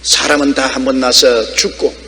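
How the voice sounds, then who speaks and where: A man's voice: medium pitch, little pitch movement, normal speed, creaky, pushed and bright, a little hiss or hum. An older man preaching a sermon with emphatic, sweeping delivery. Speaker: pastor. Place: church sanctuary. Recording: long hall reverb.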